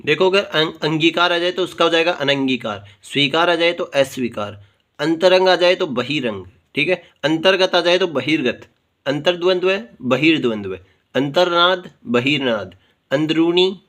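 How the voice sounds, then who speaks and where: A man's voice: on the high side, fairly bright tone. A man teaching a Hindi grammar lesson, explaining patiently and checking in with "theek hai" after nearly every point, repeating words to drill them. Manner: repeats words slowly and drills correct spellings.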